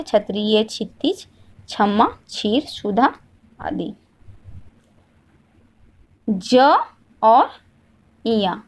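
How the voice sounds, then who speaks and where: Hindi teacher woman quizzing and repeating. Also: a little high. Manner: asks questions and answers them herself, repeats each point. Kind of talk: classroom lesson.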